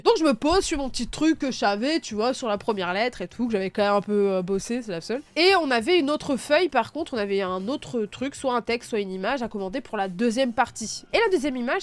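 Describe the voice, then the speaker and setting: A young woman talks through her life story in a casual vlog. Her voice sits a little high, and she is candid and sarcastic, with frequent laughs. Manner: candid and sarcastic, laughs often, lively asides.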